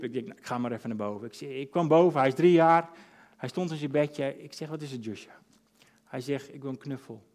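A man in his thirties preaching a sermon, earnest, moving between hushed, intimate passages and emphatic urging. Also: on the high side. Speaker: pastor.

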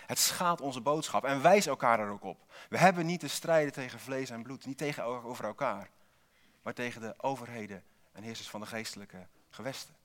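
A man's voice: medium pitch, fairly quick, fairly bright tone. A man preaching a sermon in a church, posing rhetorical questions and repeating single key words for emphasis, with dry asides to the congregation.

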